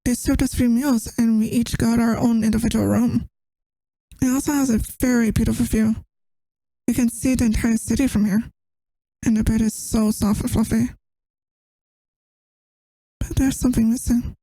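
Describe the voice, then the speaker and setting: A woman's voice: a little high, fairly even intonation, normal speed, pauses often, no echo, rough recording. A woman playing a tired, affectionate girlfriend who misses her partner, in a tender, intimate ASMR role-play. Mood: soft, chatty. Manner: tender, intimate, soft-spoken.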